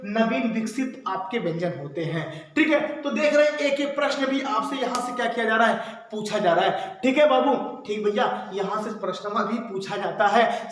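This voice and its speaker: A man's voice: extremely high pitch, fairly bright tone. A male teacher giving an exam-prep lesson, asking and answering his own questions and repeating the answers. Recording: very echoey room.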